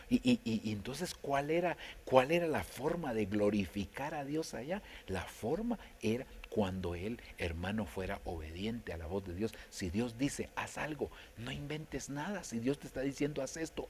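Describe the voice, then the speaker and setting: A man's voice: fairly low pitch, breathy edge. A man pastor preaching a conversational sermon, often turning to his listeners directly. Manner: conversational preaching, addresses listeners as brother, many restarts.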